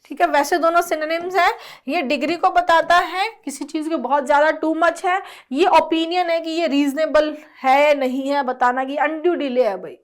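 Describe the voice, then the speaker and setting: High-voiced woman teaching vocabulary. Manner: explains slowly, often checks with "clear?" and "right?"; mixes Hindi explanation with English definitions. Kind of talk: exam-prep lesson.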